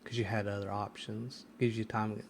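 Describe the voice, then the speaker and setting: A man's voice: fairly low pitch, level tone, fairly quick, creaky, a little hiss or hum. A man hosting a casual screen-recorded tech tutorial, hesitant and full of ums and restarts. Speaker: tech video host.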